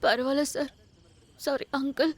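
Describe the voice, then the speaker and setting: A soft, high-voiced young bride. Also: female voice, fairly even intonation, unhurried. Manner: soft-spoken and pleading. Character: young bride searching for her missing groom.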